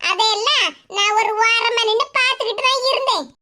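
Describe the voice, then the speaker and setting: A woman's voice: very high-pitched, brisk, background noise. A woman voicing a sarcastic, suspicious grown daughter in a cartoon comedy, with a Kanyakumari Tamil accent.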